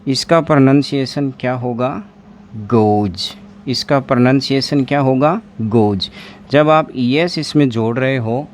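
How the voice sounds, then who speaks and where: A man's voice: medium pitch, slight background noise. A man teaching an exam-prep pronunciation lesson, repeating words and asking his class questions as he writes at a board.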